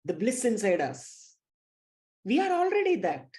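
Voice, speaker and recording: A woman's voice: a little high, wildly swooping pitch, unhurried, darkish tone. A woman with an Indian English accent leading a live online spiritual class, speaking emphatically and addressing her listeners directly. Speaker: spiritual teacher.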